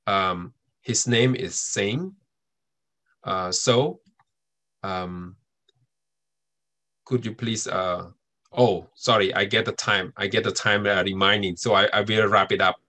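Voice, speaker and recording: Hesitant man with a lowish voice. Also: slow pace, long pauses, bright, forceful tone. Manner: hesitant, many fillers. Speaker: community organizer. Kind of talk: webinar panel talk.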